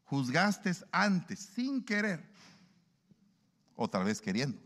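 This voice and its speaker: Animated male preacher in a reverberant hall. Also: on the high side, takes it slowly. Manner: animated, acts out everyday dialogues. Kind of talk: sermon.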